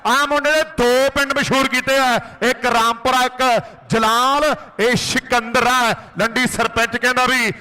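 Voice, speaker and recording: A male commentator with a Malwa Punjabi accent gives frantic rural sports commentary. His voice is pitched extremely high with a forceful, sharp edge. He follows the kabaddi in a running play-by-play. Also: level tone, measured pace, clean tone. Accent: Punjabi from Indian Punjab's Malwa region.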